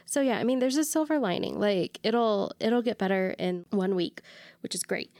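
A tired woman co-hosts a podcast, talking at length in an animated, self-deprecating way. Her voice sits at a middle pitch, recorded close and dry. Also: moderate pace, dry recording. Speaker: podcast co-host. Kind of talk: casual chat.

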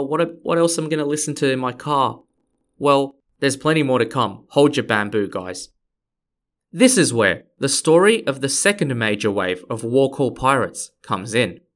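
Male podcast host, mid-pitched voice, scripted history narration with casual asides. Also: fairly bright tone. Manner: conversational, playful asides to listeners.

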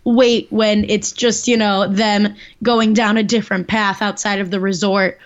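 A woman's voice: medium pitch, flat delivery, unhurried. A woman co-hosting a podcast in casual chat, talking loosely and filling her sentences with "like". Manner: chatty, heavy use of "like". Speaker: podcast co-host. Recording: dull lo-fi sound.

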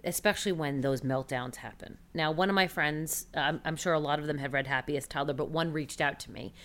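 A woman hosting an interview, retelling a friend's worries in an animated way. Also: low voice, a little fast. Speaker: interview host. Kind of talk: conversational interview.

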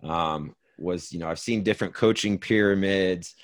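A man hosting an interview, responding in a relaxed, conversational, affirming way. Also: deep voice, normal speed, dry recording, studio quality. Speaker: podcast host. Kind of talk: casual interview chat.

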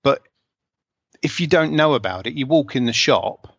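An Essex-accented man in his forties, interviewed as a scale model hobbyist, casually and self-deprecatingly recounts his life story. His medium-pitched voice is expressive, creaky, and slightly rough at a normal speed, with no room sound on a slightly dull, lo-fi recording.

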